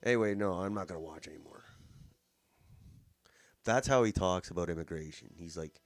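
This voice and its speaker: A man's voice: low voice, moderate pace, dry recording. A man hosting casual political commentary, mocking and swearing as he reacts to clips and mimics politicians in a sing-song voice. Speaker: host.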